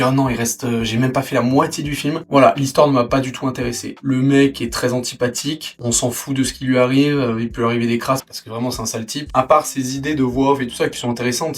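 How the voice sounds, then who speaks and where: Male French film reviewer, casual and halting, prone to indignant rants. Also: medium pitch. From France. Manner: filler-heavy and halting, turning into an indignant rant. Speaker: film critic.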